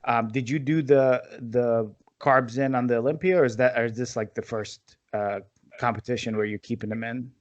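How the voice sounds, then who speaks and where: A man's voice: medium pitch, steady tone, normal speed, muffled recording. A man hosting a podcast, asking questions casually and hesitantly, often repeating words. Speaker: podcast host.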